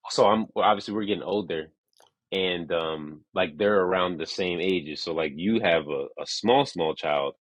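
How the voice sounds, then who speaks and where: A man's voice: deep voice, moderate pace, no echo, rough recording. A man in his thirties co-hosting a podcast, rambling casually with lots of "like" and restarts. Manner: rambling, heavy use of "like", restarts. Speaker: podcast co-host. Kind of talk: casual chat.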